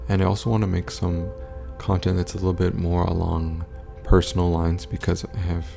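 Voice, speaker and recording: A man speaks in a hushed, quiet late-night voice, as if others are asleep nearby. His tone is dark and mellow, with heavy creak and a flat, stoic delivery. It is a casual vlog update to viewers. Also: moderate pace, soft background music. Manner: hushed, low talking, as in a quiet house at night. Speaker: content creator.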